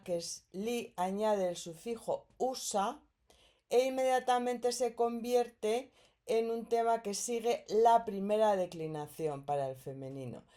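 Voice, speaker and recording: A woman with a Spanish accent from Spain gives a recorded grammar lesson, moving slowly and deliberately. Her voice is mellow and warm, never sharp. She explains patiently, step by step, often pausing to check that her students are following. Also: mid-range voice. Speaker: teacher.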